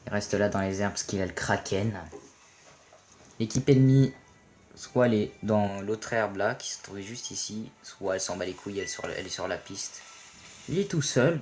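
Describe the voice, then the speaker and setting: A young French man casually commentating a mobile game match, playful and excitable, joking and swearing at his teammates. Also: fairly low pitch, slight background noise. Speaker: gaming video commentator.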